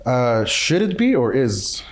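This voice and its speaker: A middle-aged man from the UAE, a marketing chief and interview guest, talking in a measured, earnest way with some fillers. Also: mid-range voice, very animated. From UAE (Dubai). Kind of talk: candid conversational interview.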